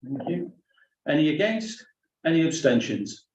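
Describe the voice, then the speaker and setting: A man's voice: a little high, very animated, measured pace, darkish tone. A man chairing a formal council meeting, courteously taking it through procedure item by item, recorded in a meeting room. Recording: roomy, distant, dull meeting-room recording.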